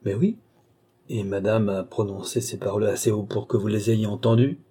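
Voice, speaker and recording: A man voicing a cool, mocking count and sorcerer in an audiobook, calm and commanding. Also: fairly low pitch, normal speed, breathy edge.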